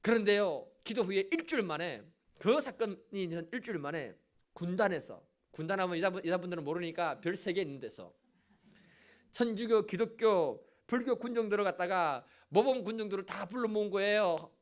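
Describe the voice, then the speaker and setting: A man's voice: high voice, brisk. A middle-aged male pastor preaching a sermon in a church, telling a story with asides to the congregation. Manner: animated storytelling with audience asides. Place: church sanctuary.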